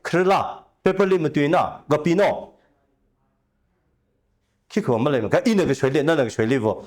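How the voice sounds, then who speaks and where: A man speaking at length as a talk show guest, giving long animated explanations with rising emphasis. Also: on the high side, brisk. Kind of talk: conversational discussion.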